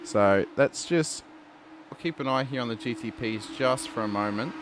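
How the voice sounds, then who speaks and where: Heavy background noise surrounds this man's medium-pitched voice as he narrates a sim race at a moderate pace. His play-by-play is lively, aimed straight at viewers, and he pushes his voice up for the highlights.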